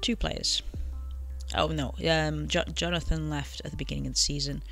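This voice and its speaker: This game channel host has a fairly high, creaky voice with a steady tone and normal speed. Suffering from a cold, he chats loosely about his football management game run, filling gaps and correcting himself often, over faint background music.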